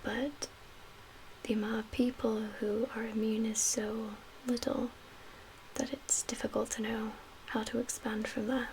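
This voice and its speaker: For an ASMR roleplay, a woman voices a guarded but calm medical official in a survivor camp, using a soft, breathy whisper and measured pauses. Her pitch is fairly high, and the rough recording carries audible hiss and ambience.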